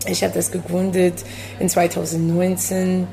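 A woman from the United States with an American accent, a café owner answering interview questions in halting German full of fillers. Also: fairly low pitch, monotone, gravelly, warm tone, soft background music. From USA. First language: English. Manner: halting, searching for words, many fillers.

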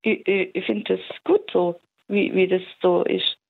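A woman calling in to a radio show, calm and easygoing, often restarting her sentences. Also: medium pitch, unhurried, creaky. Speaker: caller. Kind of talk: casual phone-in chat. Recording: tinny phone line.

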